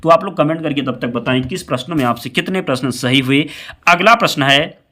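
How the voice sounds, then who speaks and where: A slightly hoarse man with a fever, teaching an exam-prep quiz lesson. He reads out each question and its options, repeats the answer and keeps telling the viewer to keep it in mind. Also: a little high, fairly quick, pushed and bright.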